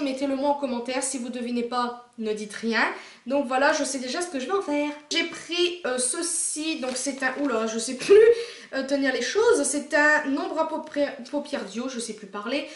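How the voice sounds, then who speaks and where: A young woman from France chatting casually through a makeup haul video, rambling with lots of fillers and restarts. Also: high-pitched. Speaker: beauty vlogger. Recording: echoey room.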